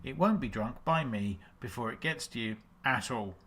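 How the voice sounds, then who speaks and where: Bright-voiced quiz host. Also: male voice, medium pitch, animated, normal speed, husky. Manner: jokey, reads quotes aloud with theatrical flair. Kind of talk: live-stream film quote quiz.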